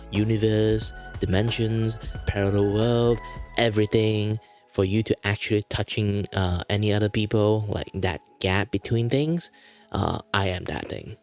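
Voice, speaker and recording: A man hosting as a virtual streamer, introducing himself in a casual, rambling, playful and hesitant way. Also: on the low side. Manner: hesitant, wandering, playful delivery.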